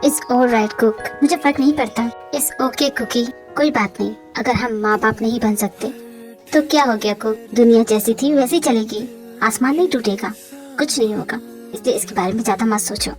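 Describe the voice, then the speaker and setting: A woman voicing a tender young husband in a fan audio drama, speaking low and softly to comfort his wife. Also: moderate pace, soft background music, lightly acted. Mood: soothing. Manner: soft, soothing, reassuring. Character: tender, devoted young husband, soothing and calm.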